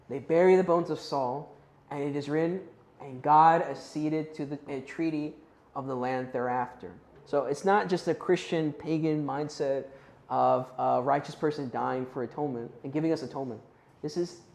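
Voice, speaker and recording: A man's voice: a little high, darkish tone. A man teaching a youth Bible class in a casual, conversational way, checking in with his listeners and unsure how to pronounce some Hebrew and Greek words. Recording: roomy echo.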